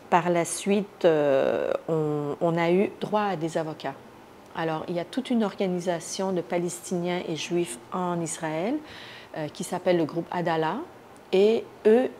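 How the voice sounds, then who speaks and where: Speaking off the cuff in an interview, a woman from Iran describes being detained as an activist. Her voice is a little low and mellow, she pauses often while hunting for the right word, and faint noise can be heard behind her throughout.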